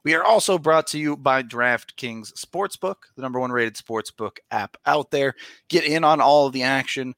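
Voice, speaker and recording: A man hosting a sports podcast rattles off a fast legal disclaimer in short, clipped phrases. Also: mid-range voice, fairly bright tone, no echo.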